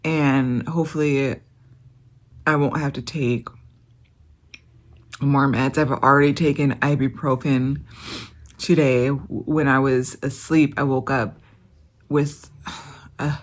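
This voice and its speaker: Woman, low voice, slow pace, casual vlog, tired, halting, soft-spoken. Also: fairly even intonation. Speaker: vlogger. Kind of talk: casual vlog talk to camera.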